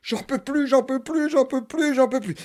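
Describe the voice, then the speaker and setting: An exhausted young mother at the end of her rope, as a male storyteller puts her on. She pleads frantically in a high, strained voice, loud and pushed. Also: normal speed, natural voice. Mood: desperate.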